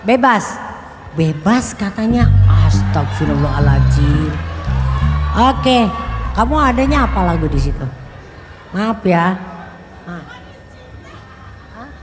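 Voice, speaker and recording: A woman's voice: mid-range voice, lively intonation, slow, long pauses, long reverb tail, crowd noise. An older woman singer chatting with her audience from a festival stage, teasing and laughing, with a live band behind her. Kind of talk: playful stage banter with the crowd. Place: concert stage at a music festival. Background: live band music.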